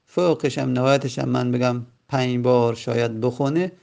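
Male grammar teacher, gravelly voice, slow drilled repetition of forms. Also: medium pitch, fairly even intonation, a little mellow. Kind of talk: classroom lesson.

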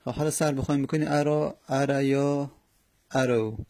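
A man teaching a grammar lesson, slowly and methodically drilling verb conjugations with hesitant fillers. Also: medium pitch, fairly even intonation, darkish tone. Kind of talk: Arabic morphology lesson in Persian.

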